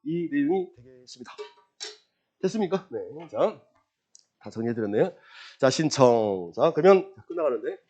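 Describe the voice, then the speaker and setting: A middle-aged male lecturer with a high-pitched voice teaches an exam-prep law class. He drills his listeners with quick questions and answers them himself, keeping the pace brisk and animated. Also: lo-fi sound, a little hiss or hum. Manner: lively, quizzing, drills with repeated questions and answers.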